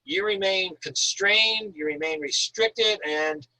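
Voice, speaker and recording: A Northern Maine author, an American man, reads his own thriller aloud and discusses writing informally. He speaks slowly in a high voice with a sharp tone. The audio quality is poor.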